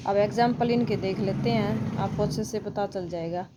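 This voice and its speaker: A woman's voice: medium pitch, steady tone, moderate pace, heavy background noise. A woman with an Indian accent teaching English phonics online, explaining patiently and repeating each sound.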